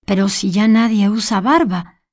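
A woman's voice: mid-range voice, moderate pace, dry recording, clean studio sound, close to an everyday voice. A woman voicing a brusque, skeptical male engineer in a storybook reading, speaking curtly and dismissively.

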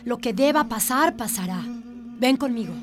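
Actress as a doctor's loyal wife in an audio drama, highish female voice, won't back down. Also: lively intonation, normal speed, lightly acted. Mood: firm, caring. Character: devoted, resolute wife of a blind doctor.

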